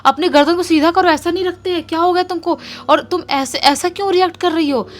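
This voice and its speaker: A woman's voice: very high-pitched, steady tone, a little fast, slight background noise, pitched above the performer's own voice. A woman voicing an alarmed husband who scolds with urgent questions.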